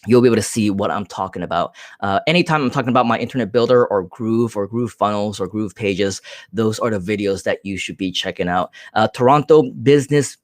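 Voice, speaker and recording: A man's voice: lowish voice, fairly quick, dry recording, clean studio sound. A man from Hong Kong hosting a live stream, answering viewer comments in an upbeat, direct way with frequent filler sounds.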